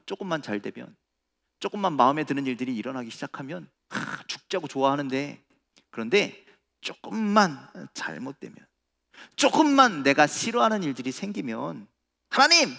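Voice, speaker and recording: A middle-aged male pastor preaching in a large church sanctuary, his bright, gravelly voice swinging widely in pitch. The long reverb of the hall trails each phrase as he acts out prayers with rising intensity. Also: a little fast. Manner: animated preaching, acting out quoted prayers in a raised voice. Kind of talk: sermon.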